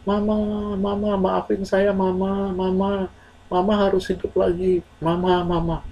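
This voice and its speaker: A man's voice: sits high, completely flat delivery, a little slow, vocal fry, warm tone, pitched above the performer's own voice, exaggerated voice, low-quality recording. A man voicing a remorseful truant teenage boy, crying and pleading. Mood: sobbing. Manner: wailing, pleading, tearful.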